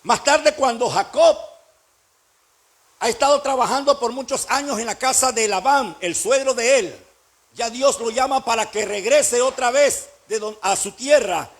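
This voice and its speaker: A man's voice: very high-pitched, measured pace. A man preaching a sermon as pastor, speaking emphatically and asking his congregation rhetorical questions.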